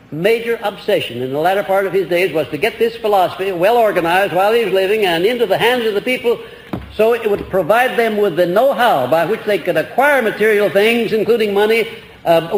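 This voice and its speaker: Older man lecturing on an old echoey recording. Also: high voice. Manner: earnest, rambling with restarts and rhetorical questions. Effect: old archival recording. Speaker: lecturer answering audience questions. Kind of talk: earnest motivational lecture. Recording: echoey old hall recording with faint hiss.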